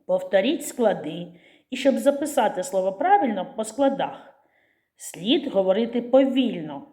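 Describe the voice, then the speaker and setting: A woman teacher with a Ukrainian accent giving a preschool literacy lesson in a slow, clear, sing-song voice to small children. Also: mid-range voice, lively intonation, mellow.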